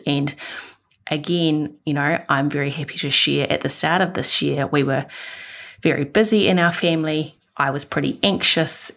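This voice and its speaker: A woman host with a low voice and a gravelly fry shares stories about her toddler in an open, chatty way. She talks easily and candidly. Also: fairly bright tone. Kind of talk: casual chat.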